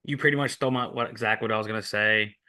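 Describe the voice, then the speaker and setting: A man's voice: fairly low pitch, fairly even intonation, rapid-fire, pushed and bright. A man co-hosting a sports betting podcast, talking in a rambling, opinionated casual way. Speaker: podcast co-host.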